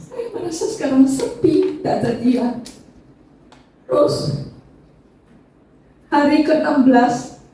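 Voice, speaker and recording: A middle-aged woman speaks at a church, giving an emotional testimony to the congregation in a fairly high but mellow voice. She is recorded from far off in a very echoey hall, with faint room ambience behind her. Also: lively intonation, takes it slowly, pauses often, slight background noise. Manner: addresses listeners as "saudara", acts out tearful prayers in a high voice.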